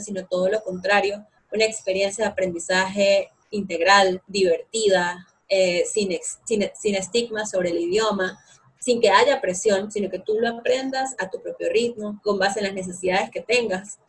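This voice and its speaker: In this poor-quality audio, a young woman's slightly rough, mid-pitched voice comes through as she chats about her academy. Appearing as a guest and co-founder of an online English school, she sounds eager and leans heavily on fillers throughout the conversational interview.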